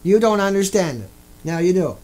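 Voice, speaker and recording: Angry ranting man, high voice. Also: animated, moderate pace, rough recording. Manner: repetitive, profane, indignant; shouting bursts. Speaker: video host.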